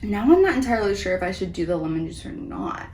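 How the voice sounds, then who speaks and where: A woman's voice: mid-range voice, very animated, fast, darkish tone, soft background music. A woman giving a casual, chatty food review as host of a taste test vlog. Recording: roomy echo, background noise.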